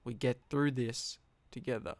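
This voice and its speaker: A man giving an earnest, reflective philosophical monologue, speaking deliberately in short phrases with long pauses. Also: medium pitch, gravelly, no room sound. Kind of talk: solo reflective monologue, slow spoken address.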